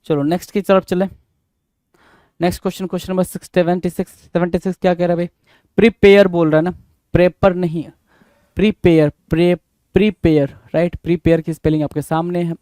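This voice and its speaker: A man's voice: sits high, level tone, quick pace, dark tone, no room sound. A man with an Indian accent teaching an English spelling lesson, going over answers casually and spelling words out letter by letter. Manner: casual, repeats words and spells them out letter by letter, says "bhai" often.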